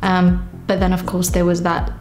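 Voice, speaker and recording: A young woman, giving a reflective, unhurried personal testimony with frequent pauses. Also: fairly low pitch, monotone, a little mellow, soft background music. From Kenya. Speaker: church member giving testimony.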